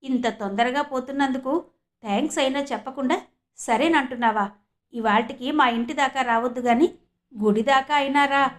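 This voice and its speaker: A woman voicing a firm, brotherly young man in an audiobook, speaking in a measured, lecturing way. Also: sits high, natural voice. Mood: teasing.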